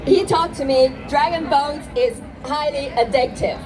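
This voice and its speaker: A woman's voice: high-pitched, measured pace. A woman from Hong Kong giving a formal, upbeat welcome speech outdoors at a festival on a microphone. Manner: formal, upbeat, addressing a crowd. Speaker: festival speaker and trade office director. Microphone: handheld microphone over a PA. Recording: outdoor crowd noise around speaker. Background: crowd noise.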